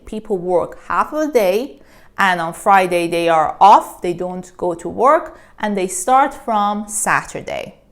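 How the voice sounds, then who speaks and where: Slow, patient woman teaching pronunciation. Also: mid-range voice. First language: Persian. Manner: patient, repeats each word several times; drawn-out careful pronunciation. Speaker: language teacher. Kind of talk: slow spoken language lesson.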